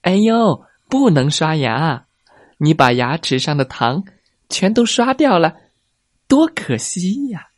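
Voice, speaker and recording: A man voicing a sly, flattering male fox in a children's story, talking in a fawning, sweet-talking way. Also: on the high side, slow, no echo, clean studio sound, pitched above the performer's own voice.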